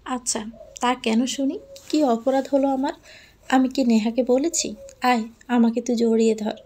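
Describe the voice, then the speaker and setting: A woman's voice: on the high side, steady tone, measured pace, dark tone. A woman voicing a possessive, hot-tempered young man in an audio love story, scolding through clenched teeth or coaxing tenderly. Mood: angry, scolding.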